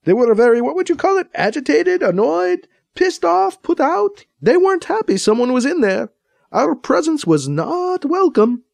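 A man voicing an excitable, jokey male scientist who loves old science fiction, in an audiobook read with a high, bursting delivery. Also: fairly quick, breathy edge, no echo, clean studio sound, exaggerated voice. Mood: worked up.

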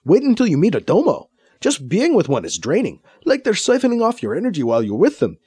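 A man voicing an excitable, jokey male scientist who loves old science fiction, in an audiobook read with a high, bursting delivery. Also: fast talker, slightly rough, no echo, studio quality, exaggerated voice. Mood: ominous.

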